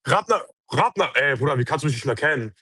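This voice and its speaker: A man's voice: mid-range voice, expressive, quick pace, sharp tone, a little hiss or hum. A man in a casual video chat, talking in insistent, repetitive street slang. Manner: slangy, insistent, repeats himself.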